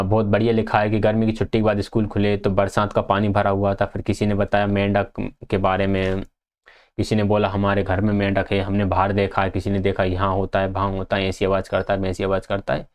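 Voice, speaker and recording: A young man teaching an exam-prep lecture, reading notes aloud and then explaining them in a casual way. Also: fairly low pitch.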